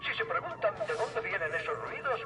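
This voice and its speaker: Polite captain making flight-attendant style announcements. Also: male voice, high voice, very animated, brisk, a loud crowd. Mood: falsely reassuring. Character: male starship captain giving calm, absurdly polite passenger announcements.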